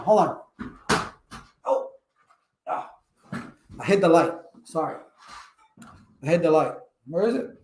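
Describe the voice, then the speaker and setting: A man hosting a casual livestream talk, energetic and rambling, with many fillers and restarts. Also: fairly high pitch, echoey room. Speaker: channel host.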